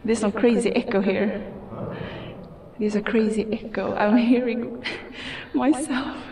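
A woman exploring an abandoned radar dome and a rooftop, talking casually and often in a hushed half-whisper, recorded on a body-worn action camera. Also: on the high side, fairly even intonation, slow, a little hiss or hum. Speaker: urban explorer vlogger. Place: inside a metal radar dome, then a rooftop.

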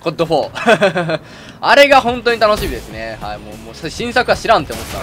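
A man doing casual gameplay commentary and chat, chatty, often stammering and restarting, with excited outbursts. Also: on the high side, a little fast. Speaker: gaming commentator. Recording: loud game music and gunfire behind.

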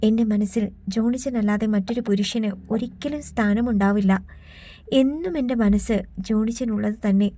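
A woman's voice: on the high side, moderate pace, dark tone, slight background noise, natural voice, poor audio. A woman voicing a proud, heartbroken young woman in an audiobook, speaking in a grave, resolute way. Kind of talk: audiobook reading.

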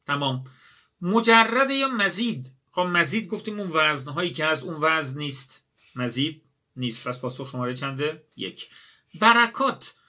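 Bright-voiced man teaching a lesson. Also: fairly high pitch. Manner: addresses students directly, asks and answers his own questions. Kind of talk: exam-prep grammar lesson.

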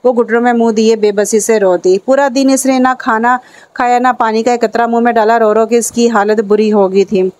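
A woman narrating a novel as an audiobook in a steady, even storytelling manner. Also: fairly high pitch, no room sound.

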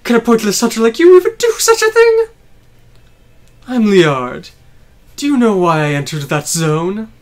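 A woman's voice: fairly high pitch, sing-song, normal speed, long pauses, darkish tone, voice pushed up. A woman voicing a ranting, grandiose male villain pilot from a mecha game, declaiming threats theatrically. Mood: gloating.

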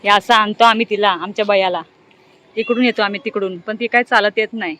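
A woman's voice: mid-range voice, fairly even intonation, brisk, pushed and bright, slight background noise, low-quality recording. A middle-aged woman vlogging casually outdoors on an open ground, chatty and doting as she coos at her pet cat. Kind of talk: casual vlog chat.

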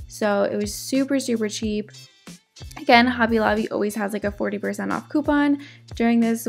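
A DIY vlogger speaks with a creaky, medium-pitched voice in a chatty crafting voice-over recorded indoors at home. She's ill and her voice breaks occasionally, but her tone is upbeat and loaded with fillers.

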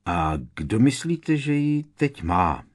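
A man's voice: lowish voice, expressive, a little mellow. A man voicing an eager, playful teenage twin boy in an audiobook. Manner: eager, joking.

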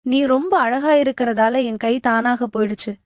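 A woman's voice: on the high side, steady tone, moderate pace, no echo, clean studio sound, natural voice. A woman voicing a teenage boy, a scheming younger brother, with a pleading, coaxing manner.

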